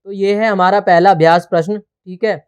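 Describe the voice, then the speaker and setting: A man's voice: high-pitched, fairly even intonation, clean tone. A man teaching a textbook lesson, explaining words one by one and checking in often with "theek hai". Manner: explains terms slowly word by word.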